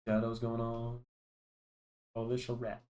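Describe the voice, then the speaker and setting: Speaking a little slowly in a mellow, monotone medium-pitched voice, this young drawing channel host chats casually as he works. His talk rambles with many restarts and fillers, a cold makes him slightly nasal, and he records on a desk microphone.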